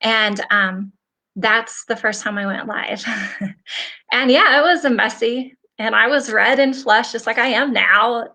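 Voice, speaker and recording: A woman's voice: on the high side, a little slow. A middle-aged woman hosting a casual live stream, talking straight to her viewers in an earnest, chatty way and laughing often. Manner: animated, with frequent laughter. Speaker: host of a live stream for nail professionals.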